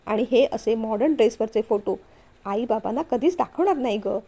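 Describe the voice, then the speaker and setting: A woman reads out a young husband who teases and coaxes his shy wife. The voice stays high and mellow, with an easy storybook tone. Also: moderate pace, vocal fry. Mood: coaxing. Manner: teasing, coaxing. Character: affectionate playful young husband. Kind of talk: storytelling read-aloud.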